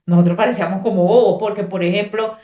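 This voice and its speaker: A woman with a Venezuelan accent from Maracaibo, a guest telling stories in casual, animated talk and acting out the voices she quotes. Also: mid-range voice, quick pace, echoey room, far from the mic, highs cut off. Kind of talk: casual storytelling.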